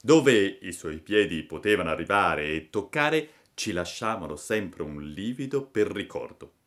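A man calmly reading a classic children's story aloud as narrator. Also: low-pitched, a little slow.

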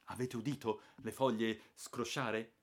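A man's voice: medium pitch, steady tone, measured pace, lightly acted. A man voicing a commanding old sea-wolf hunter who gives urgent orders in a raised voice in an adventure story. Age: older. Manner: imperious, urgent.

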